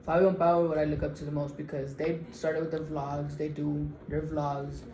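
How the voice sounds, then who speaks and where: A woman's voice: sits low, flat delivery, moderate pace, warm tone, roomy sound, rough recording. A woman of about twenty co-hosting a casual Q&A vlog, speaking frankly and chattily and teasing herself. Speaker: vlog co-host.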